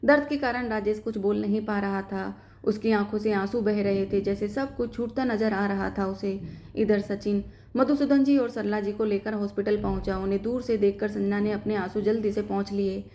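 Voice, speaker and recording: Mellow-voiced woman narrating a story. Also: medium pitch, steady tone, normal speed. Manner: reads every character herself. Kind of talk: scripted emotional story narration.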